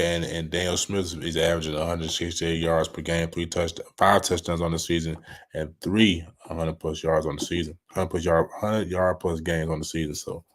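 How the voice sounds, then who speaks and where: A man, co-hosting casual sports talk in a laid-back, friendly way. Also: low-pitched. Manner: laid-back, calls partner brother. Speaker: co-host.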